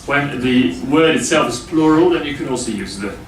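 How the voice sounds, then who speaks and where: A man teaching English grammar to a class, explaining slowly with many pauses and fillers. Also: mid-range voice, lively intonation, a little hiss or hum. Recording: echoey classroom from far off.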